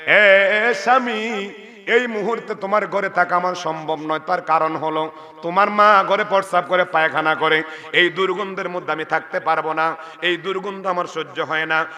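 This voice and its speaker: A man's voice: sits high, steady tone, normal speed, pushed and bright. A man voicing a spiteful young wife who nags and complains at her husband. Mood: complaining. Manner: complaining, demanding. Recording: long reverb of a large venue.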